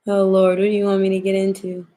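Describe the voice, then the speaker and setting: A woman's voice: mid-range voice, completely flat delivery, fast, warm tone. A young woman with a smoky whiskey voice from a cold, chatting casually and informally to livestream viewers as a tarot reader. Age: young adult. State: getting over a cold. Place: home kitchen, indoors.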